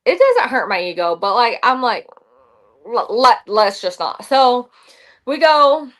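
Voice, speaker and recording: Young woman guest, high voice, animated, filler-heavy casual storytelling. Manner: animated, says "like" often, acts out quotes.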